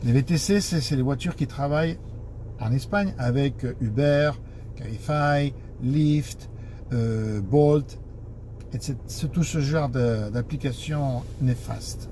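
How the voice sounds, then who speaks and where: Speaking slowly in a warm, mid-range voice, a man who serves as board member and spokesman for a taxi association gives a casual explanation in faltering French. He gropes for words and makes grammatical mistakes, and the recording has a little hiss or hum.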